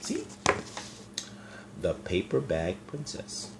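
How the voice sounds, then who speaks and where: A man reading a picture book aloud to children, gentle and chatty, stopping to point out the pictures. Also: sits low, wildly swooping pitch, slow pace, very noisy. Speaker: storyteller.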